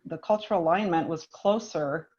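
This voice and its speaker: A woman from Minnesota, a business leader speaking on a panel in a measured, thoughtful way with frequent restarts. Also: fairly low pitch, a little mellow, highs cut off. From Minnesota, United States. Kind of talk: panel discussion.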